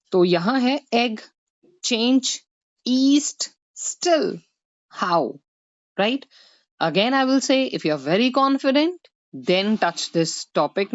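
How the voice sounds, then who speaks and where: Woman, patient online tutor; slow, step-by-step explanations with frequent "right?". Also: mid-range voice, no echo, dull audio. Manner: explains step by step, mixing Hindi with English, often asking "right?". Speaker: English teacher. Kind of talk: exam-prep online lesson.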